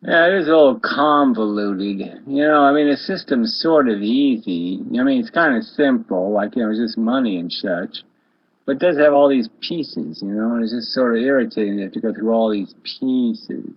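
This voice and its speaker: A man's voice: mid-range voice, animated, moderate pace, muffled recording. A man in a casual online voice chat who talks in a mocking, rambling, exasperated way. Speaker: online video maker chatting with a viewer.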